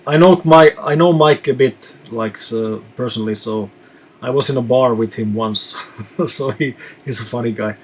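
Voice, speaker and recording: A Finnish touring musician with a husky, mid-range voice reads out viewer questions and answers them during a relaxed live chat.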